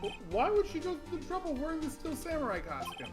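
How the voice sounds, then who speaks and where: A pompous male judge acted by a man presides in a comic video game dub. His voice is high for a man, formal yet crude, and music plays behind him. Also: huge pitch swings, quick pace, full character voice. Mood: impressed. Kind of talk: comedic game voice-over.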